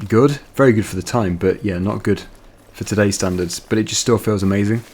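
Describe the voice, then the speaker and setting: A man's voice: fairly low pitch, fairly even intonation, brisk, a little mellow, slightly rough. A man giving chatty, rambling commentary while playing a video game. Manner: chatty, rambling, laughs easily. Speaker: let's play gamer. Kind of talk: casual gameplay commentary.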